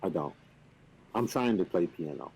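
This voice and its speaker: A man on a video call casually explaining a game, relaxed and playfully boastful, with lots of fillers. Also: low-pitched, normal speed, vocal fry, husky, low-quality recording. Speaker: company representative teaching the game. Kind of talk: casual chat on a stream.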